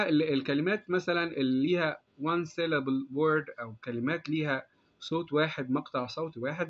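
A man with an Egyptian Arabic accent teaches an English lesson to children, patient and unhurried. He draws out each English word slowly so it can be repeated. His fairly high voice comes through a dull, muffled lo-fi recording. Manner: slow and patient, drawing out English words. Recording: dull lo-fi sound.

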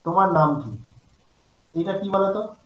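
A man's voice: sits high, animated, unhurried, lo-fi sound. Male teacher in an echoey online class. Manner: asks students frequent check questions. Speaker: English teacher. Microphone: video call.

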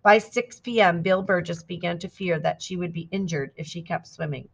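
Female storybook reader, lower voice, measured narration. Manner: steady, clear storytelling with lively quoted shouts. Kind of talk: scripted narration of a picture book.

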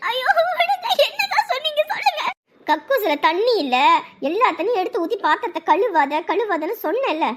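A woman's voice: very high voice, very animated, a little fast, fairly bright tone, exaggerated voice. A woman voicing a scheming, scolding middle-aged stepmother in a cartoon, nagging as she talks. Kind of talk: Tamil cartoon voice acting.

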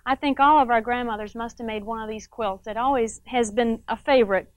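Hosting a quilting show, a middle-aged woman with a higher voice and fairly even intonation moves briskly through a step-by-step demonstration. She chats and asks viewers frequent tag questions, recorded with no room sound and rough quality.

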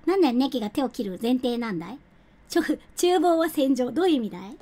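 A woman's voice: high voice, very animated, quick pace, dark tone. A young woman streaming a cooking game, chatting casually, giggling and thanking viewers as she plays. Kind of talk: casual live-stream chat.

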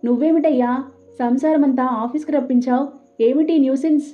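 A woman's voice: high-pitched, steady tone, normal speed, close to an everyday voice. A woman voicing a bossy male office boss who barks orders impatiently. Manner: barking and impatient. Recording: tinny phone-like sound.

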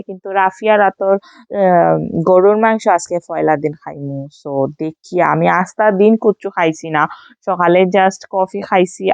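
Low gravelly woman, Sylheti accent. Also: dry recording, dull audio. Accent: Sylheti Bengali. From Sylhet, Bangladesh. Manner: chatty, sprinkles English fillers. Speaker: vlogger. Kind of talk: casual vlog voice-over.

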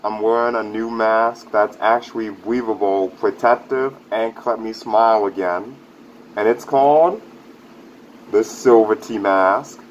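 A man talks through a face mask in a loose, upbeat vlog review, circling back to the same points. His voice sits a little low. The audio is dull and lo-fi, with a faint air conditioning hum behind him. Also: steady tone, a little slow. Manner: rambling, upbeat, repeats himself. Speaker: product reviewer.

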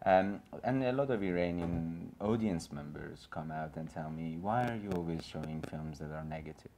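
A Persian-accented Iranian filmmaker in his thirties speaks on a panel in a small gallery room before an audience, with music playing behind him. His voice is low and his pace normal, and his delivery is earnest but rambling, full of fillers and restarts.

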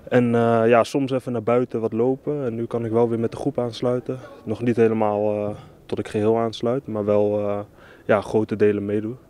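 Hesitant young footballer, low flat voice. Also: male voice, moderate pace, hardly any pauses. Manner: hesitant, many fillers. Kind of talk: interview.

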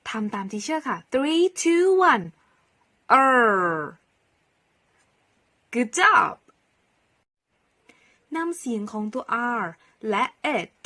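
A woman teacher from Thailand leading a phonics lesson for young children, sounding out each letter slowly and clearly and cheering them on. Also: high-pitched, sing-song, bright, forceful tone. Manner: slow, clearly sounded-out model pronunciations; encouraging teacher talk to young pupils. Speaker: English teacher.

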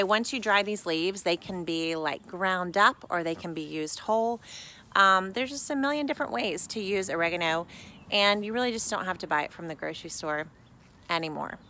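Bright, chatty woman gardening outdoors. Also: mid-range voice. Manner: chatty and upbeat, with many fillers like "like" and "um"; handling and cutting plants while talking. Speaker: gardening teacher and channel host. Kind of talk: casual outdoor garden tutorial. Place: backyard garden by a raised bed, outdoors. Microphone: phone held at arm's length.

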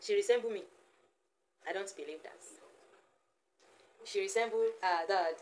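A woman's voice: medium pitch, normal speed, a little mellow, a little hiss or hum. A woman, chatting playfully in a casual vlog and cooing teasingly at her baby. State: sweating, flustered. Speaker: vlogger, mother of a baby.

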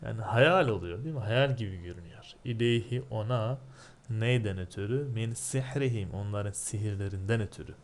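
A man's voice: on the low side, a little fast, slight background noise. A man with a Turkish accent teaching a religious text, reading it word by word and translating and explaining each word. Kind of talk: line-by-line translation lesson.

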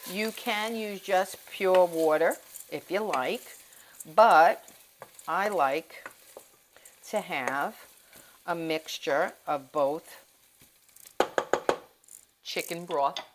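This home cooking vlogger talks casually in her kitchen while demonstrating a recipe, rambling and confiding in her viewers. Her voice is fairly low and very slow, with long pauses. The low-quality recording carries a faint hiss or hum.

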